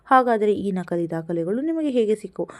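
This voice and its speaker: A woman's voice: medium pitch, animated, normal speed, lightly acted. Woman reading a stern middle-aged detective. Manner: firm, questioning.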